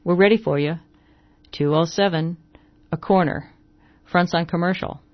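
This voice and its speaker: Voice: normal speed, lo-fi sound, close to an everyday voice. A reader voicing an irritable, fussy male hotel agent in a western story reading, in a raised, complaining voice. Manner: higher, louder, complaining.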